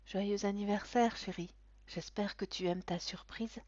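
Soft gentle mom coaxing her kid, woman reading it, dry dull audio. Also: mid-range voice, expressive, unhurried, no room sound, pitched above the performer's own voice. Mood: tender. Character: gentle, doting young mother.

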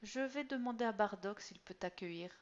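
A woman's voice: mid-range voice, normal speed, pitched above the performer's own voice, natural voice. Woman voicing a tense, restrained father. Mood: cautious. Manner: clipped, holding back anger. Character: tense middle-aged lawyer father, restrained anger. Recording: slightly dull lo-fi recording.

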